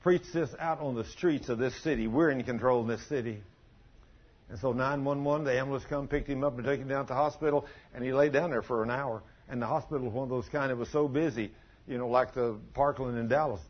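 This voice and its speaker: Husky older preacher. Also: male voice, mid-range voice, a little fast. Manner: folksy storytelling, surges loud for emphasis. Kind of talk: sermon. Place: church. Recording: dull lo-fi recording.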